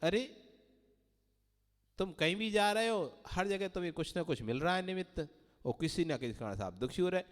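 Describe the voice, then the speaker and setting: A man's voice: high-pitched, lively intonation, moderate pace, long pauses. A man giving a Hindi-language sermon as a Jain monk, telling parables and acting out the voices of the people in them. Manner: storytelling, acting out quoted voices. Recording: long hall reverb.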